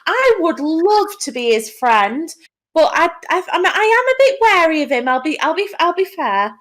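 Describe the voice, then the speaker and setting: A woman's voice: very high-pitched, very animated, normal speed, a bit bright. A woman playing a tabletop game, speaking hesitantly and repeating herself, heard from off the mic. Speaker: player.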